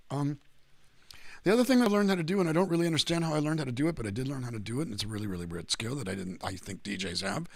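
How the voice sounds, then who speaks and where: Husky rambling livestream host, a man. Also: lowish voice, no room sound. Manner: rambling, self-deprecating joker. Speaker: singer-songwriter hosting a livestream. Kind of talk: casual livestream chat.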